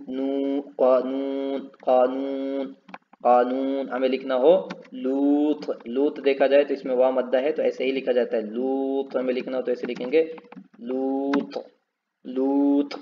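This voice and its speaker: A man teaching a spoken English lesson, repeating each word slowly and drawn out as he explains its spelling. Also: medium pitch, lo-fi sound, a little hiss or hum.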